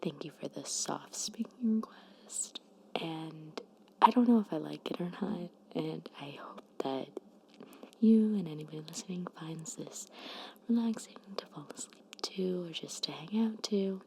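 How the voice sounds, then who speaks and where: Soft spoken asmr lady, kinda low voice, breathy and a bit hoarse, almost whispering, bit of hiss behind her. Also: a little slow. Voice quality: slightly hoarse. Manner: hesitant, self-conscious, informal. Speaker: ASMR creator. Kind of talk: soft-spoken ASMR, rambling chat and reading facts. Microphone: microphone at close to moderate distance.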